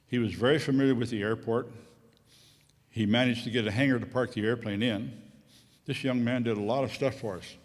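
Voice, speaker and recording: A middle-aged man giving a rambling, folksy missionary report to a church congregation, coughing now and then. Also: medium pitch. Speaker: missionary pilot. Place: church sanctuary. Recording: long church hall reverb.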